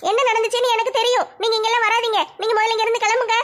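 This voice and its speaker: A woman voicing a frightened but defiant college-age daughter, scolding and pleading in quick bursts. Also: extremely high pitch, level tone, a bit bright.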